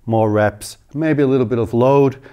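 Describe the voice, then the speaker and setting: A man's voice: mid-range voice, normal speed, smooth. A man in his thirties, a strength coach, explaining training methodically in an indoor gym. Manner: steady, methodical listing of figures. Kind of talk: instructional explanation.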